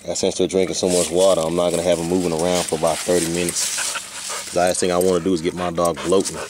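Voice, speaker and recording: This roughly forty-year-old vlogger talks fast in a deep, flat voice while hiking outdoors, with noisy ambience in the background. His chatter is folksy and colloquial, and he keeps wandering off to speak to his dogs.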